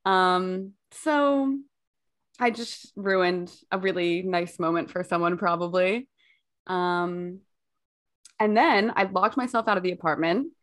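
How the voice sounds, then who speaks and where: A woman's voice: fairly low pitch, slow pace. Hungover young woman podcaster. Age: young adult. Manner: candid, self-mocking storyteller; casual, swears freely. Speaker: podcast co-host. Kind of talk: casual podcast chat.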